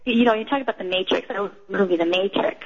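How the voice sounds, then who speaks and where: A woman's voice: medium pitch, fast talker, breathy edge. A woman calling into a talk show over the phone. She asks her question hesitantly and leans on "you know" fillers. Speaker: caller. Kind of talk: call-in question. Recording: dull phone-line audio.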